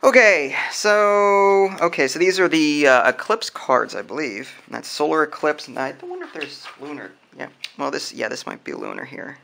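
With vocal fry and a pushed, bright quality, this fairly high-pitched man speaks at normal speed and with lively intonation. He hosts a board game unboxing channel, chatting informally and thinking aloud while handling items at an indoor wooden table. A little hiss or hum can be heard.

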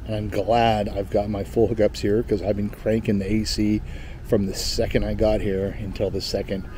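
A middle-aged man from California vlogging casually from an outdoor lakeside campsite, talking in a relaxed, rambling way and correcting himself as he goes. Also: on the low side, normal speed, slight background noise. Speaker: camping vlogger. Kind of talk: casual travel vlog. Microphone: camera at arm's length. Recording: music playing under the voice.

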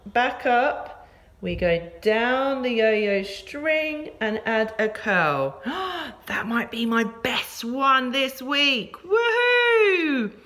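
A woman's voice: fairly high pitch, sharp tone. A woman teacher giving a home-learning phonics lesson to young children, upbeat, encouraging and sing-song. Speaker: primary school teacher.

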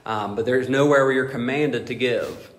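A man's voice: mid-range voice, moderate pace. A man preaching a sermon as pastor, emphatic and full of rhetorical questions. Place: church sanctuary. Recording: echoey hall reverb.

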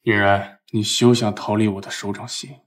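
A man's voice: fairly low pitch, flat delivery, normal speed, natural voice. An actor playing a young husband who puts on a domineering, commanding CEO manner with his wife. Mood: domineering, possessive. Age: young adult. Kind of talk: short romantic drama acting.

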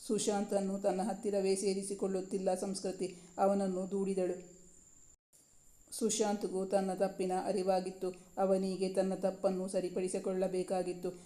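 A woman narrating a romantic story in a steady, unhurried reading style. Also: on the low side. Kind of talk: scripted narration.

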